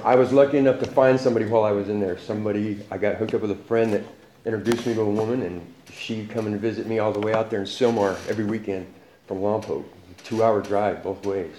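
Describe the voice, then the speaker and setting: A man's voice: on the low side, fairly quick, darkish tone. A man in his forties telling his life story in a casual, slangy way, often laughing as he talks. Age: 40s. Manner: street slang, laughs often while talking. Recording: echoey room with noise behind.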